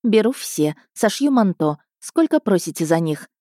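A woman's voice: medium pitch, big pitch swings, moderate pace, warm tone, no echo, clean studio sound, pitched above the performer's own voice. A woman narrating an audiobook voices a wealthy woman customer who haggles indignantly. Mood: eager. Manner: bargaining, indignant.

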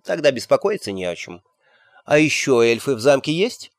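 A man's voice: medium pitch, big pitch swings, normal speed, no echo, clean studio sound. A man voicing a young queen, speaking in an offhand, breezy way. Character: calm eerie young queen, axe-wielding.

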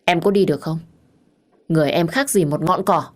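A woman's voice: on the low side, brisk, close to an everyday voice. A woman voicing a protective former lover, a man who scolds and insists in a storybook reading. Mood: insistent.

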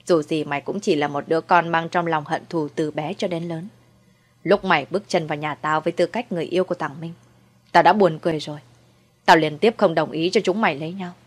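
A woman's voice: low-pitched, steady tone, fairly quick. A woman voicing a scheming, cruel old mother-in-law in a storybook reading, coldly mocking. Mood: contemptuous. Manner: mocking, sweetly cold then shrieking.

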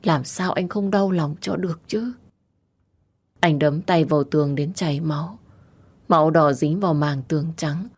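A woman narrating a first-person romance story as an audiobook, in a steady, emotional reading. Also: low-pitched, normal speed, slightly rough.

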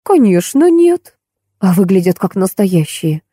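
A woman's voice: medium pitch, very animated, measured pace, dark tone, slightly rough, no room sound, clean studio sound. A woman voicing a fussy, soothing older nanny in an audiobook. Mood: matter-of-fact. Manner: fussing, soothing.

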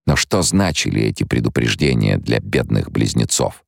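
A man with an extremely deep voice reads an audiobook with steady, dramatic narration. His tone is gravelly with fry, recorded close and dry. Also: normal speed, no room sound. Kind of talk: scripted narration.

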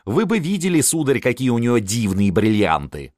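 A man's voice: medium pitch, big pitch swings, moderate pace, darkish tone, no echo, studio quality, pitched above the performer's own voice, natural voice. A man voicing a sleepy, grumbling noblewoman, the field marshal's wife, in an audiobook. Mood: peevish. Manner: sleepy, peevish.

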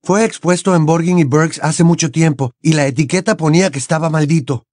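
A man's voice: fairly high pitch, a little fast, darkish tone, dry recording, studio quality, pitched above the performer's own voice, lightly acted. A male audiobook reader voicing a determined teenage boy wizard in a raised, urgent voice. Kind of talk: audiobook character voice.

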